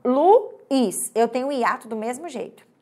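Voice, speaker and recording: A woman from Brazil teaching a Portuguese grammar lesson online, who explains slowly, stretches out example words, and checks in with "right?" after nearly every point. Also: fairly high pitch, expressive. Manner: pauses and hurries unevenly.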